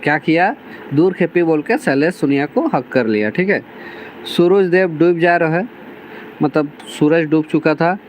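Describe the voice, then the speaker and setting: Reading dialect lines from a novel aloud and then explaining them in plain words, this Jharkhand teacher peppers his class with "theek hai." He speaks at normal speed with lively intonation in a highish voice, over a rough recording with slight hiss or hum.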